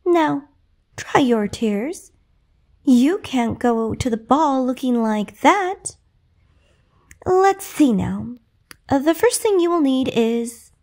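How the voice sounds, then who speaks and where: A woman's voice: high-pitched, very animated, takes it slowly, a little mellow, exaggerated voice. A woman voicing a kindly, cheerful little old fairy godmother in a bedtime story with a sing-song manner.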